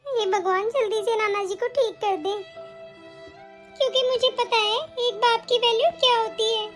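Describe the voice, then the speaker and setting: A woman voicing a young new mother in an animated family story, polite, earnest and respectful. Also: very high voice, normal speed, soft background music. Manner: earnest, respectful, talks at length.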